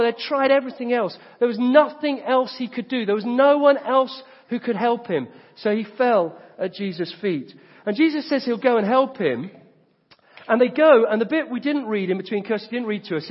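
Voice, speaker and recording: Guy preaching in a church hall, pretty high voice, long echo, kinda dull sound. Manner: storytelling, animated retelling with rhetorical questions. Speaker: pastor. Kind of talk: sermon.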